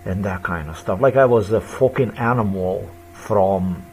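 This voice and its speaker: Fifties man, slow ranting delivery, accusatory and repetitive, non-native phrasing, faint hum behind. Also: sits low, darkish tone. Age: 50s. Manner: broken non-native English grammar. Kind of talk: ranting monologue to camera.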